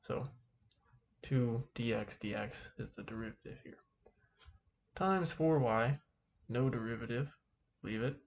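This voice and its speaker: A man speaking through a face mask, giving an informal calculus lesson in a halting way, thinking aloud as he goes. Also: medium pitch, vocal fry. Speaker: math teacher.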